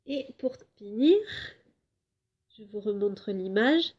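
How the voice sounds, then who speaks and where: A woman teaching a home lesson to young children, slowly clapping out syllables and drawing out words for them. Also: mid-range voice, lively intonation, a little mellow, muffled recording. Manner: slow, clear syllable-by-syllable teaching; drawn-out, emphatic words for children. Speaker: kindergarten teacher.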